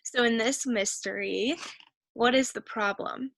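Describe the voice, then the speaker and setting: A woman's voice: on the high side, measured pace, vocal fry, a bit bright, no room sound. A woman teacher patiently going through a reading worksheet, encouraging students and thinking aloud as she searches the text. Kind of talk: reading comprehension lesson.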